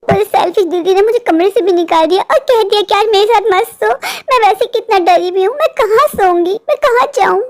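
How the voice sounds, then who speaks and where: Woman doing a scared girly cartoon girl, super high voice, rambling worried to herself. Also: a little fast. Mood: fretful. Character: scared young unmarried woman, naive and chatty. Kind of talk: cartoon voice acting.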